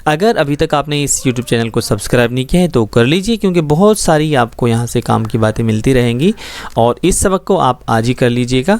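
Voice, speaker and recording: A man's voice: mid-range voice, expressive, darkish tone. A man teaching a schoolbook Urdu lesson, explaining words patiently and often checking that students follow. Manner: patient, explains slowly with frequent check-ins.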